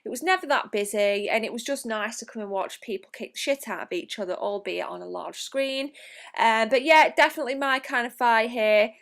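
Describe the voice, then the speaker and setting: A woman's voice: on the high side, lively intonation, fairly quick, vocal fry, a bit bright. A young woman narrating her gaming convention vlog in a chatty, enthusiastic way, with frequent ums and the odd swear word. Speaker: gaming vlogger.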